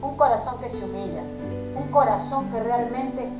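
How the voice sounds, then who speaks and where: A woman's voice: a little high, normal speed, reverberant, over music, poor audio. A woman preaching a sermon to a women's group, pleading and emotional, addressing her listeners as sisters.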